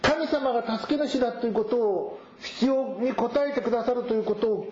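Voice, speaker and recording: High-voiced man preaching in a roomy hall. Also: a little mellow, slight background noise. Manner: measured preaching, reading and explaining scripture verses. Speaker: pastor. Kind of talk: sermon. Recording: roomy echo, dull sound.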